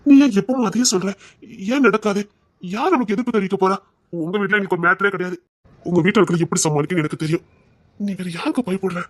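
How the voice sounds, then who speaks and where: A man's voice: sits high, quick pace, no room sound, studio quality. A young man acting a devoted lover who soothes and reassures his frightened partner in a romantic drama. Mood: earnest, pleading. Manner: tender, soothing, insistent.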